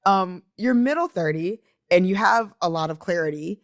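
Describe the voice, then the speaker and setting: A woman's voice: on the low side, lively intonation, normal speed, no room sound, clean studio sound. A woman in her thirties hosting a podcast interview, talking candidly, laughing often and swearing casually. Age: 30s. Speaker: podcast host.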